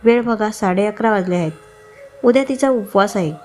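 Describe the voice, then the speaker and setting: A woman's voice: mid-range voice, normal speed, darkish tone, slight background noise, close to an everyday voice. A woman voicing a playful middle-aged husband who teases fondly, in a story reading. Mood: teasing. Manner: playful, teasing.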